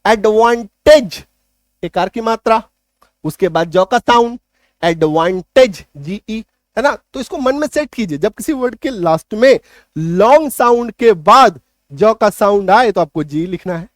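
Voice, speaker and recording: A man teaching an online spelling lesson in English, emphatic, slowly drawing out example words and checking often that students follow. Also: high-pitched, expressive, no room sound, studio quality. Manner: emphatic, repeats key points with rhetorical checks.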